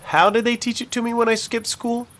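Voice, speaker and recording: A man's voice: very high voice, level tone, brisk, a bit bright, a little hiss or hum. A man voicing a wry young male detective in a game, full of dry, sarcastic asides. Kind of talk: game voice acting.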